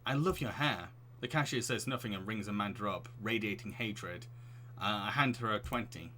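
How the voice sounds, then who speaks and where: A man's voice: on the low side, normal speed, bright, forceful tone, a little hiss or hum. A man streaming a game, chatting restlessly with his viewers, laughing often and reading the story aloud.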